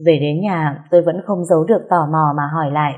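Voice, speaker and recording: A woman's voice: low voice, fairly even intonation, fast, narrow, tinny audio. A woman narrating a first-person story and voicing every character's dialogue herself, with emotional storytelling.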